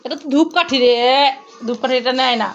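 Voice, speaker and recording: Family vlogger mom at home: teasing and gentle with her toddler, high voice, lo-fi sound. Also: a little fast. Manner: playful, coaxing, teasing. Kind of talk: casual family vlog, talking to her child. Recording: lo-fi phone video, faint noise.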